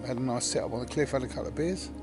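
A man's voice: mid-range voice, rapid-fire, over music. A middle-aged man, chatting casually while filming himself outdoors at a woodland camp. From England. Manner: chatty, relaxed, upbeat. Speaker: outdoor vlogger. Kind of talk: casual vlog narration. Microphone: handheld action camera at arm's length.

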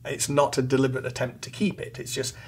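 Gravelly British man, measured speech. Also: medium pitch, monotone, a little hiss or hum. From England. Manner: thoughtful, measured, with fillers and self-corrections. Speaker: interview guest, loudspeaker designer. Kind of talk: relaxed conversational interview.

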